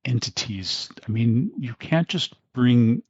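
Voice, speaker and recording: A man's voice: mid-range voice, expressive, takes it slowly, husky, dry recording, highs cut off. Man doing a flustered, dignified old mage. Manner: hesitant, polite, awkward.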